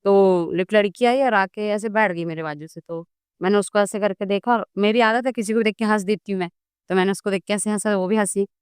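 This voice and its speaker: Woman telling a story in an interview, smooth clear voice, dry close sound, acts out the back and forth. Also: mid-range voice, brisk, dry recording. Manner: animated storytelling, acts out dialogue. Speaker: guest devotee.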